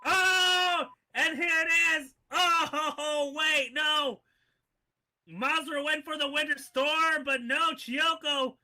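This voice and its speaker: A male wrestling commentator with a very high, sharp voice calls the moves in exclamations. His delivery is excitable and unhurried in pace, lingering on the words.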